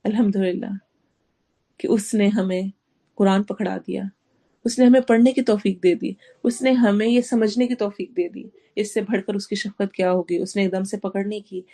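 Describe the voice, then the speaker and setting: A woman teaching Quran recitation, reciting each phrase slowly and then explaining each sound, with English words mixed into her teaching. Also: medium pitch, vocal fry, dark tone. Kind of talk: tafsir and tajweed lesson.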